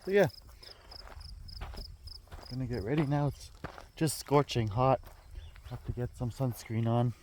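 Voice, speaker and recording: A man's voice: medium pitch, unhurried, long pauses, darkish tone, slight background noise. A man hosting a hiking vlog, chatting casually and thinking aloud as he walks a wooded trail with a handheld camera. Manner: chatty, musing aloud with fillers. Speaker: hiking vlogger host. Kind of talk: casual walk-and-talk narration. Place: outdoors on a wooded prairie trail. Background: faint insects and crickets.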